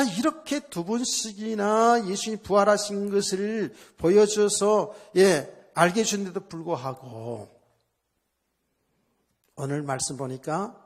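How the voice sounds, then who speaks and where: A pastor with a high, husky voice gives a sermon during a church service, talking in a conversational style, asking the congregation rhetorical questions, and repeating phrases for emphasis.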